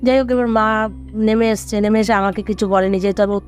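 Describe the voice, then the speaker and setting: A man's voice: high-pitched, fairly even intonation, a little fast, faint music behind. A man telling a ghost story in casual conversation, rambling and repeating himself with many fillers.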